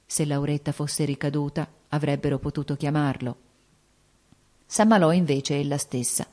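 Low-voiced woman reading a novel. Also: fairly even intonation, moderate pace, a little mellow. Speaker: audiobook narrator. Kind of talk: scripted literary narration.

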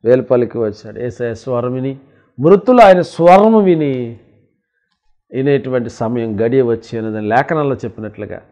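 A man who is a pastor, preaching a sermon with emphatic swings from loud, high scripture quotes to low asides, calling his listeners children of God. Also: muffled recording. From India.

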